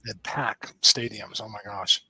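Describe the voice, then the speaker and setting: A man's voice: on the low side, measured pace, breathy edge, no room sound, rough recording. A middle-aged man from the United States hosting a casual movie watch party chat, telling stories animatedly. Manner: animated storyteller, acts out quoted voices.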